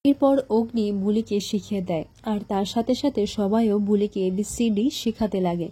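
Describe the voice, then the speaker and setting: A woman's voice: medium pitch, moderate pace, warm tone, husky. A woman casually retelling a TV serial episode, narrating the plot in plain conversational storytelling and quoting the characters' lines. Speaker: recap narrator.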